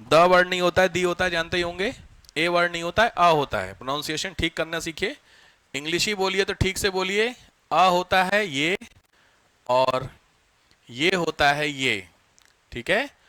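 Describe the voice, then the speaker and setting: A man teaching a class, quizzing his students with quick questions and answering them himself. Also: high voice, sharp tone, smooth, no room sound. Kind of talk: classroom lecture.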